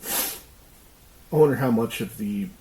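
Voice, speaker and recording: A man's voice: medium pitch, takes it slowly, slight background noise, rough recording. A man co-hosting a podcast, chatting casually, chiming in with agreements and questions. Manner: relaxed, chimes in with short agreements and questions. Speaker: podcast co-host. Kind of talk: casual conversation.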